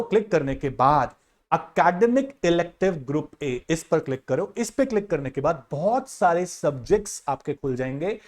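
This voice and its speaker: In a casual exam-guidance lesson with a screen walkthrough, a man teaching economics takes students through the syllabus. He addresses them as "yaar" and "bhai" in a direct, insistent manner. His voice is on the high side with a darkish tone.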